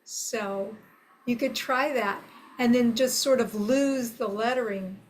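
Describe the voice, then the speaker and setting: An older woman presenting a simple, friendly lesson for children in a deliberate way, with frequent pauses. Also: on the high side, background noise. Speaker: presenter teaching bird calls.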